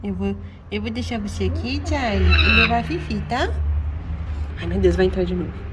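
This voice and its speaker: A woman talking to cats outdoors in cooing, high-pitched baby talk full of diminutives. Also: expressive, normal speed. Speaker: vlogger with her cat.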